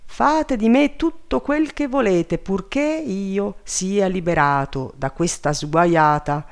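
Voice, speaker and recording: Reader playing a stubborn young fairy-tale king, indignant, raised voice, slow. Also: medium pitch, animated, a little mellow, lightly acted. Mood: defiant. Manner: defiant, indignant, later mocking.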